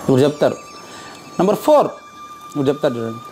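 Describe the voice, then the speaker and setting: A man's voice: fairly high pitch, huge pitch swings, quick pace, darkish tone, faint music behind. A man teaching a group, asking his audience questions over and over and checking their answers. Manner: quizzes audience, repeats questions. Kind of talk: interactive lecture.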